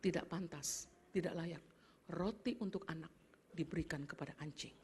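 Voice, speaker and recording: A woman preacher voicing Jesus in a low, measured, quiet way as he turns down a request. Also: husky. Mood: stern. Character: calm, stern Jesus refusing a request.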